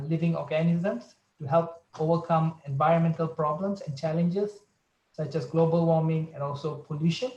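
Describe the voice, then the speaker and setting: A man's voice: a little high, darkish tone, echoey room, highs cut off. A man from Malaysia, a research scientist, giving a careful, explanatory presentation over a video call. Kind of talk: online conference presentation.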